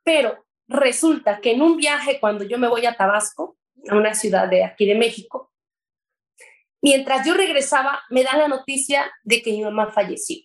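A woman's voice: a little high, moderate pace, rough recording. A woman with a Mexican accent, sharing her personal faith testimony in an earnest, emotional way with some hesitations. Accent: Mexican Spanish.

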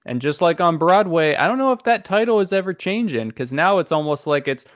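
A man's voice: a little high, expressive, brisk, no echo, studio quality. A man hosting a podcast in casual chat, playful, laughing a lot and slipping into mock announcer bits. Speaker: podcast host.

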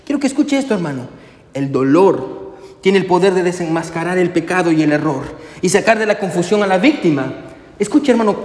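A high-voiced man preaching a sermon, pressing the congregation with repeated questions. His emphatic delivery echoes through a big hall, with a long reverb trailing each phrase. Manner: emphatic, repeats questions, addresses listeners as brother. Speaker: pastor.

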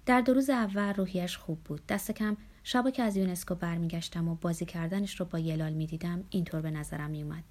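Woman narrating a novel, measured. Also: on the low side, darkish tone. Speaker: audiobook narrator. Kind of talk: first-person novel narration.

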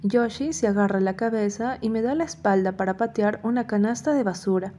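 A woman narrating a first-person audiobook in a measured, unhurried reading. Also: a little high, warm tone, slight background noise.

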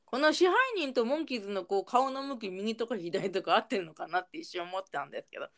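A woman talking quickly in a casual, chatty way as she recaps a TV episode. She narrates the action and drops in small side comments as she goes. Her voice sits at a plain middle pitch. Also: lively intonation.

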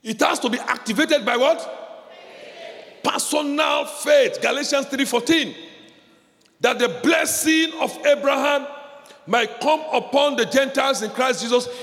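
High-voiced man preaching in a hall. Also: measured pace, fairly bright tone. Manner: impassioned preaching, repeats phrases, call-and-response with congregation. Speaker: pastor. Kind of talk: sermon. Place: church hall. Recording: reverberant hall with faint background noise.

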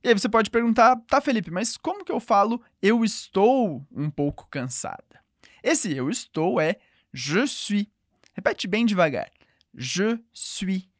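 A woman teaching a podcast language lesson, patiently repeating words slowly for listeners to echo. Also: mid-range voice, animated, studio quality.

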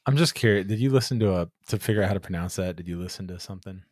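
A man's voice: low-pitched, very fast, darkish tone, no echo. A man co-hosting a casual podcast chat, reading facts and teasing the others with dry humor. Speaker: podcast co-host.

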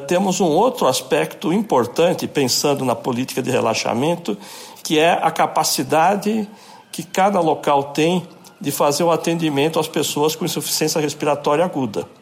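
Measured man explaining as an expert. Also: on the high side. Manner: measured, explanatory, with thinking fillers. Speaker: epidemiologist guest. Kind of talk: expert interview answers.

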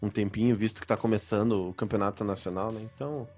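A man's voice: lowish voice, fairly even intonation, fast, a little mellow. A man with a Brazilian accent in a casual sports chat, informal, slangy and opinionated. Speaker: sports podcast panelist. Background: background music.

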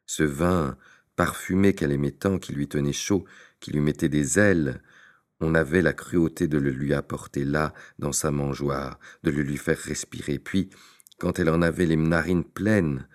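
A man's voice: a bass voice, fairly even intonation, normal speed. A man narrating a classic tale as an audiobook, with theatrical, varied emphasis. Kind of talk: expressive storybook narration.

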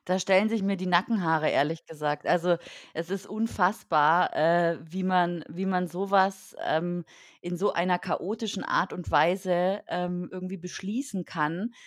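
A woman's voice: on the low side, measured pace, no room sound, studio quality. A woman speaking as a podcast guest from the hotel industry, talking casually with many fillers and restarts, indignant about the rules.

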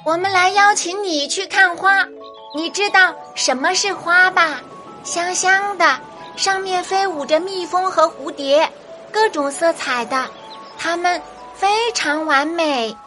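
A woman's voice: very high voice, measured pace, sharp tone, faint music behind, pitched above the performer's own voice, full character voice. A woman voicing an eager, friendly little fox cub who explains things in a childlike way in a children's story. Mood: eager, inviting.

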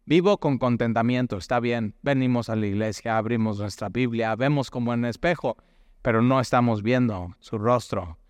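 A man's voice: medium pitch, moderate pace, clean tone, dry recording. A man, preaching a sermon as a pastor in a conversational way, asking his listeners questions.

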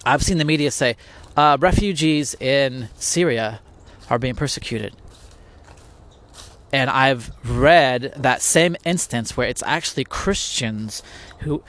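A man's voice: mid-range voice, fairly bright tone. Male podcast host, casual reflective monologue, mid-range voice, thinks aloud with frequent restarts and rhetorical questions.

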